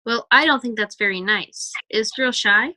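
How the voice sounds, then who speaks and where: Indulgent mother, acted by a woman, radio play. Bright, slightly high, close and dry, patient and amused. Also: moderate pace, no room sound. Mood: gently firm. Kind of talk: audio drama acting.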